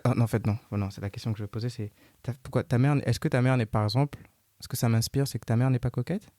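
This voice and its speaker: A man with a dark, mellow voice hosts a casual interview podcast. He talks in a relaxed, searching way, often restarting his questions. The recording is close and dry. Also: medium pitch, no room sound. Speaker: podcast host.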